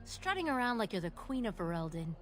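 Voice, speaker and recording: A woman's voice: medium pitch, big pitch swings, fairly quick, faint music behind, lightly acted. Actress doing a sour jealous woman, cutting and scornful, game voice line. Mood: bitter. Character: bitter resentful young woman cousin.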